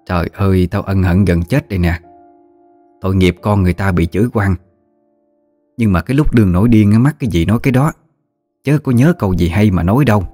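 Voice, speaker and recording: Man doing a blunt old countrywoman, low voice, faint music. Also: a little fast, pauses often, mellow. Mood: remorseful. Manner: blunt, exclaiming, rustic speech. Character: fiery old great-aunt, blunt and outspoken.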